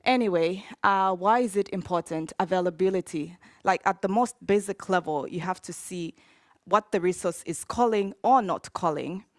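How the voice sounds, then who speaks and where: A woman from Zambia giving a conference talk, in a conversational way with frequent pauses and fillers. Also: on the low side, no room sound, clean studio sound. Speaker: conference speaker. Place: conference hall.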